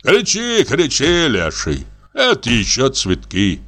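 Man playing a gruff threatening barber, rough commanding bark, lively pitch. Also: slow, faint music behind, exaggerated voice. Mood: menacing. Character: rough lower-class male barber, gruff and menacing.

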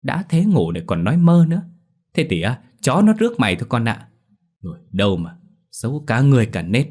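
A man voicing a sharp-tongued village mother who nags her daughter in a shrill, scolding tirade. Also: big pitch swings, brisk.

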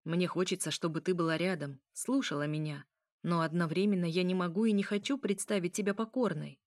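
Brief: quiet, restrained male vampire lover, read by a woman, close and dry. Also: lowish voice, a little fast, dry recording, lightly acted. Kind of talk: audiobook character reading.

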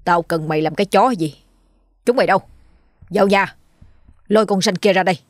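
A woman's voice: medium pitch, brisk, no echo, clean studio sound, close to an everyday voice. A woman voicing a cruel, furious old male village official who barks orders. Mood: enraged. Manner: shouting, barking orders.

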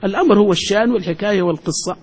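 A man's voice: high-pitched, rapid-fire, husky. A man teaching a grammar lesson to a class, often asking questions and then answering them himself. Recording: hall reverb.

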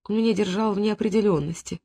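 A reader voicing a young woman teacher who is shy and hurt, speaking softly. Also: mid-range voice, steady tone, fast talker, close to an everyday voice. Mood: subdued.

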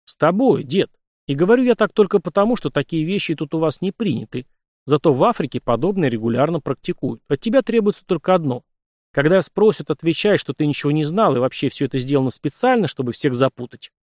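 A man voicing a quick-tempered, cheeky young man with sharp, teasing retorts. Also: a little high, lively intonation, no room sound, studio quality, pitched above the performer's own voice, lightly acted. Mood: cocky.

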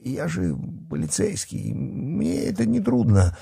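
Guy doing a squeaky stuttery fat coward cop, high and whiny, voice jumping all over. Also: wildly swooping pitch, a little slow, vocal fry, warm tone, breathy edge, dry recording, studio quality, exaggerated voice. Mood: wheedling. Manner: panicky pleading, stutters.

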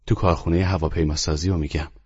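A man's voice: low-pitched, fairly even intonation, a little mellow, slightly rough, lo-fi sound. A man voicing an inquisitive, polite teenage girl who keeps asking questions in an audiobook story. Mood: curious. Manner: persistent, questioning.

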